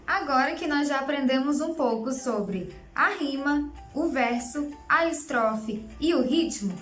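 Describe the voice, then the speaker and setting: A young woman teacher giving an online writing lesson, explaining patiently step by step and often checking in with her students. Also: sits high. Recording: echoey room with faint music.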